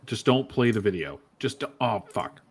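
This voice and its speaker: A man with a lowish, animated voice and a breathy edge hosts a casual podcast live stream. He jokes, laughs quickly and teases his co-hosts.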